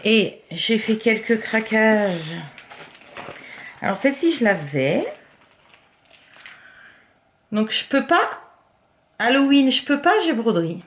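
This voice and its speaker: Chatty French-speaking woman, high voice. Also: sing-song, takes it slowly, long pauses. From France. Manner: chatty, filler-heavy, often drops to a soft murmur. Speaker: craft vlogger. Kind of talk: casual show-and-tell chat.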